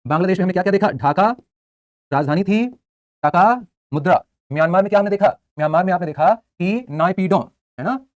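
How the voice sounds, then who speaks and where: A man's voice: high voice, a little fast, muffled recording. A young man teaching a live online class, chatty, joking between facts and repeating answers for students.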